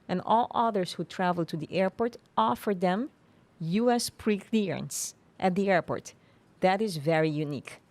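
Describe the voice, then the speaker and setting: A woman with an Aruban accent explaining things formally and in measured, hesitant phrases as an interview guest. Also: mid-range voice, darkish tone, no echo. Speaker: tourism authority official, interview guest.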